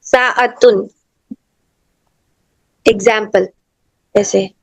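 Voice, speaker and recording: Slow-speaking woman student, very dry sound. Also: medium pitch, steady tone, creaky, husky, no echo. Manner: short questions and replies.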